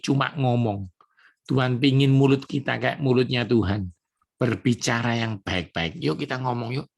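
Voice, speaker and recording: Emphatic pastor preaching. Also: male voice, mid-range voice, gravelly. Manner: emphatic, mixes scripture reading with casual chatty asides. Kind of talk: sermon at an evening prayer service.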